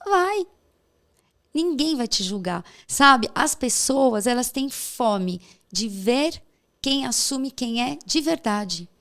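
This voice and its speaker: A woman's voice: a little high, animated, slow pace, fairly bright tone. A woman as a podcast guest, giving casual, reflective advice in an encouraging way and checking for agreement. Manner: encouraging, seeks agreement with tag questions.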